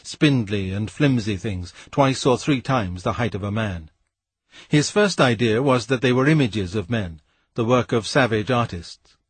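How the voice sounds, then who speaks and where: A man reading a novel aloud as an audiobook narrator, in a measured, steady way. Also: mid-range voice, husky, dry recording. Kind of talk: scripted narration.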